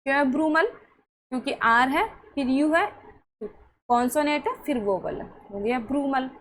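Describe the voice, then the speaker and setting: A woman's voice: high voice, expressive, measured pace, a bit bright, a little hiss or hum, rough recording. A woman teaching English pronunciation rules, who keeps asking her students questions and then answers them herself. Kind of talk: explaining spelling rules to students.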